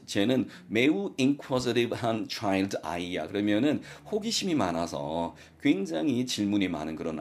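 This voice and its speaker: A man with a Korean accent teaching English expressions in a lecture, explaining them and slowly drilling the example sentences. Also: fairly low pitch. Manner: explanatory, asks rhetorical questions.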